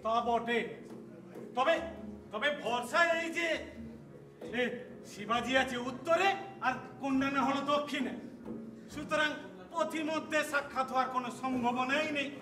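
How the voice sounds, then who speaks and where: Man acting a courtly, high-voiced maharaja on stage. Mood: reassuring. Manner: formal, theatrical, deliberate with repeated phrases. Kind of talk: historical stage play acting. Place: theatre stage. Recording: distant echoey stage with music.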